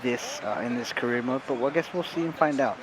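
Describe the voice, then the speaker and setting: A man's voice: mid-range voice, a little fast, crowd noise, low-quality recording. A young man giving casual commentary on his football video game career, chatty and full of small restarts. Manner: chatty, many filler ums and restarts. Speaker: gaming YouTuber.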